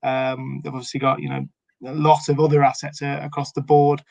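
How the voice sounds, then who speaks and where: A man's voice: mid-range voice, completely flat delivery, a little fast, gravelly, a little mellow, dry recording. A man co-hosting a casual sports podcast chat, hesitant with many fillers and restarts. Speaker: podcast co-host.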